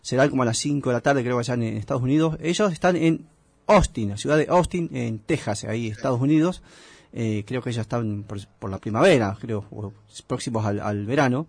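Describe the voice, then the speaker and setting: A middle-aged man with an Argentine accent and a gravelly voice, talking casually as an interview guest in a rambling, halting way. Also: mid-range voice, a little mellow, no room sound. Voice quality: gravelly, husky. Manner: rambling, halting, seeks agreement.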